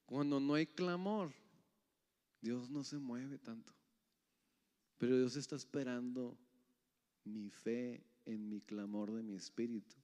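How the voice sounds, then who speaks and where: A man preaching a sermon in a church hall. He keeps quizzing the congregation and swings from loud rising calls to soft, low asides. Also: clean tone. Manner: keeps asking the audience "yes or no?". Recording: long hall reverb.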